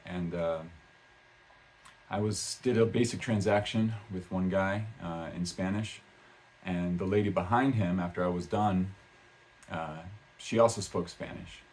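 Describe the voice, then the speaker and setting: A man's voice: low voice, fairly even intonation, unhurried, a little mellow. A man talking casually in a vlog about learning a language, rambling with lots of "um" and "uh" and restarting his sentences. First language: English. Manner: rambling, many fillers and restarts.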